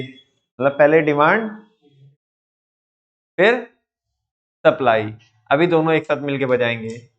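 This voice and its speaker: A male teacher leads an online lecture in a playful, teasing way, constantly quizzing his students. His voice sits somewhat high, and the recording sounds dull and lo-fi.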